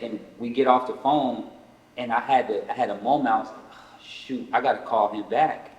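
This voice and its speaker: Man in his 30s, podcast host, candid and reflective, roomy recording with long reverb. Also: mid-range voice. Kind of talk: casual podcast conversation. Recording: echoey room with long reverb.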